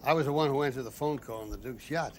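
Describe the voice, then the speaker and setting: A man's voice: medium pitch, quick pace, a little hiss or hum, lightly acted. An actor playing an irrepressible older father on the run, American accent, insistent and wisecracking, in a comic film.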